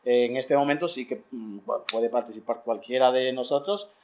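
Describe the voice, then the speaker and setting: A man's voice: medium pitch, normal speed, darkish tone, slight background noise. Hesitant man moderating a panel. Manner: hesitant, many fillers and restarts.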